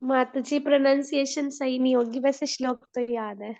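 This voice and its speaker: A woman taking part in a scripture class, chanting a Sanskrit verse slowly and carefully. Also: high-pitched, steady tone, warm tone. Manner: slow, careful recitation. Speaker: class participant.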